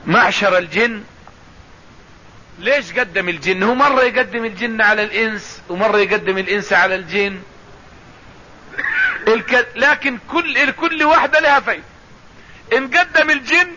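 Male religious teacher, high, sharply bright tone, lo-fi radio broadcast sound. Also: animated, normal speed, pauses often. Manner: explanatory, repeats phrases, recites verses. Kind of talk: Quran commentary lesson.

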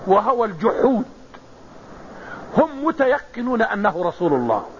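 Male preacher, very high and breathy, lesson delivery on a muffled recording. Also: a bit bright, slight background noise. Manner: explains with everyday examples, repeats phrases. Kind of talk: religious lesson.

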